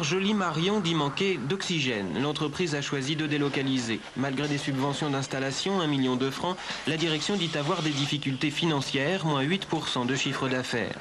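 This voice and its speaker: Fairly high-voiced male news narrator. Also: background noise. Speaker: regional news presenter.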